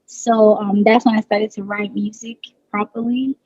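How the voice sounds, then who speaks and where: This mid-range voice belongs to a Nigerian woman in her thirties, a singer talking relaxedly in an interview who laughs readily and lets her phrases trail away. The recording is dry and the audio dull.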